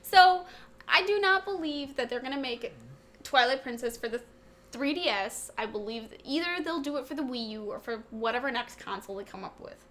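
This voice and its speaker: A woman co-hosting a late-night podcast, chatting casually in an excitable, rambling way. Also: high-pitched, fairly quick, slight background noise. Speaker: podcast co-host. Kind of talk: casual chat.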